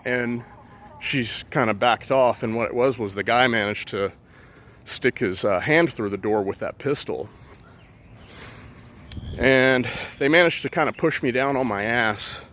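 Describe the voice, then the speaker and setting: A man's voice: mid-range voice, measured pace, fairly bright tone, a little hiss or hum. Rambling, cussing man telling a story. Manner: rambling, profane, heavy on fillers. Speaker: vlogger telling a personal story. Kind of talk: casual storytelling.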